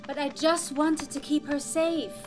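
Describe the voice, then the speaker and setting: A woman's voice: high-pitched, little pitch movement, a little slow, music in the background. An actress voicing a protective, bossy older elf sister who leads her village, with a scolding, uptight manner. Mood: remorseful. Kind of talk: animated series voice acting.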